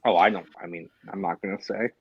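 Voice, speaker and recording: Guy cracking jokes on a chat show, kinda low voice, flat muffled dry sound. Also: fast talker, husky. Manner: joking, teasing storyteller. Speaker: guest, theatre committee member. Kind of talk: casual chat.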